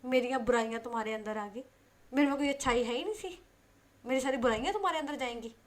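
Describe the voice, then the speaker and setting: A woman voicing a caring young woman in a told love story, speaking earnestly and softly. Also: on the high side, steady tone, takes it slowly. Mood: indignant. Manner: earnest, softened.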